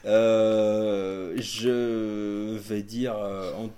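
A man's voice: on the low side, flat delivery, drawn-out words, mellow. A man hosting a casual panel chat, joking, laughing often and swearing casually. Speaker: podcast host.

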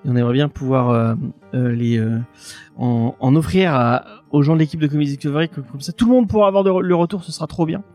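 A man co-hosting a casual podcast, excitable and playful, stumbling and repeating his words. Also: a little high, fast talker, faint music behind. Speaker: podcast co-host. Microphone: headset.

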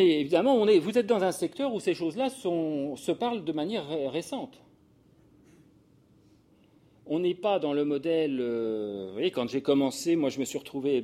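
Speaking to social work professionals, an older male sociologist from France's Paris region lectures informally, weaving in personal stories. His medium-pitched, dark voice wanders off-topic, hesitates, cuts itself off and repeats words.

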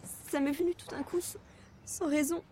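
A woman acting out a hurt young lover with a high, faltering voice, who dodges questions and stumbles over her words. There is faint hum in the background of this audio drama. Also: fairly even intonation, a little mellow, lightly acted. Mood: tearful. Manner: evasive, halting, reproachful. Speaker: voice actress.

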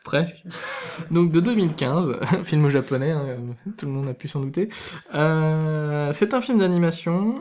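A man's voice: a little high, unhurried, darkish tone. A man with a slightly raised voice sums up a film for friends, throwing in jokes and stumbling over his words with many fillers. The tone is loose and casual, like a chat between regulars. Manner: joking, hesitant, many fillers. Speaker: film reviewer on a panel.

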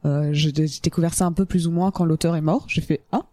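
A panelist talks in a casual film discussion with a mellow voice. The delivery is informal, rewording thoughts along the way, and the sound is very dry. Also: medium pitch, fairly even intonation, fast talker, no room sound.

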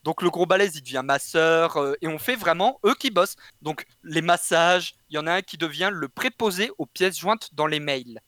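A man's voice: fairly high pitch, normal speed, hardly any pauses, pushed and bright, no echo. A man co-hosting a casual video game chat, joking and slangy, with lots of fillers. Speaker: game show co-host.

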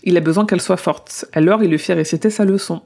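A podcast co-host chatting casually about a book and reading out steady chapter summaries. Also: mid-range voice, fast talker, creaky.

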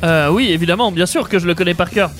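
A man co-hosting a casual radio show, cracking jokes and throwing in quick quips. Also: high voice, a bit bright, faint music behind. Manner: joking, quick quips and interjections. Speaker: radio co-host.

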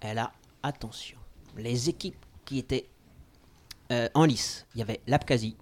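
Podcast co-host, man, mid-pitched, amused storyteller. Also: moderate pace. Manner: storytelling, amused, lists details. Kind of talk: casual chat.

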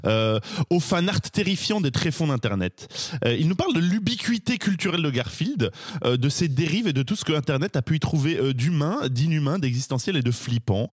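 A man's voice: a little high, animated, fairly quick, husky, no echo, clean studio sound. A man, a podcast regular, chatting casually and hesitantly about a favorite video. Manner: hesitant, full of "euh" and restarts, amused. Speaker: podcast host. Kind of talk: casual chat.

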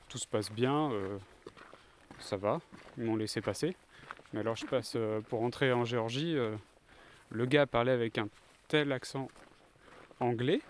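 A man from France, co-host of a travel podcast, telling travel anecdotes in a relaxed, casual chat. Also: medium pitch, a little hiss or hum.

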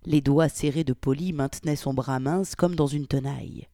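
A woman narrating a novel aloud in a measured storytelling manner. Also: sits low, fairly even intonation, dark tone, no echo, studio quality. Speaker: audiobook reader. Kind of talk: scripted narration.

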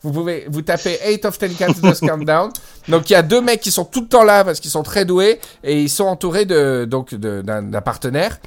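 A man's voice: fairly high pitch, lively intonation, moderate pace. A man co-hosting a podcast in casual chat, talking enthusiastically with frequent hesitations, recorded over a Skype call. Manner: enthusiastic, hesitant with many fillers. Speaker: podcast co-host.

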